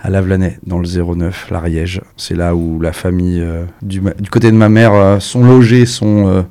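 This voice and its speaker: A man from France, a musician, chatting casually in an interview, relaxed and hesitant, with many fillers. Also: sits low, normal speed. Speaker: musician guest.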